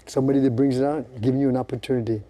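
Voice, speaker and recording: Rapid-fire and flat, with a dark tone at medium pitch, an older man who teaches martial arts chats casually, showing moves as he goes. He also impersonates the people he quotes in his stories.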